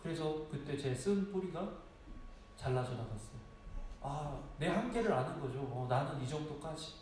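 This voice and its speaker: A man's voice: on the high side, lively intonation, moderate pace, a little mellow, a little hiss or hum. A middle-aged male pastor preaching a sermon in a conversational, storytelling way, asking rhetorical questions. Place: large echoey church sanctuary. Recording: very echoey hall from a distance.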